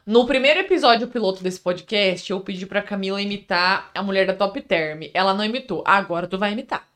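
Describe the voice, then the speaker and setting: A woman's voice: mid-range voice, fairly quick, a bit bright. A Brazilian woman hosting a casual podcast, teasing her co-host with dramatic exclamations. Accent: Brazilian Portuguese.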